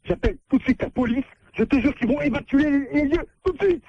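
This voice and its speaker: A man's voice: extremely high pitch, fast talker, no room sound. A man who is being pranked, angrily ordering the caller out and repeating himself. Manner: angry, insistent, repeating himself. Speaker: prank call victim, landlord. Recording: muffled dry phone line.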